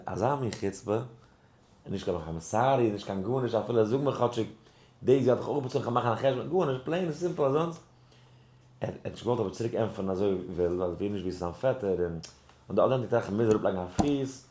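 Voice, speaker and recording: A rabbi giving a Torah class, telling a story and acting out its dialogue, halting with many restarts and mixing in English words. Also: male voice, roomy sound. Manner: animated, acts out dialogue in the story with sudden high pitch jumps; mixes English words into Yiddish speech.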